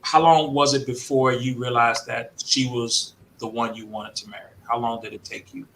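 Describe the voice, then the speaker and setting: A man's voice: medium pitch, flat delivery, normal speed, fairly bright tone, slight background noise, rough recording. A man hosting a casual live-stream talk, rambling and leaning on "you know what I'm saying". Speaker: host.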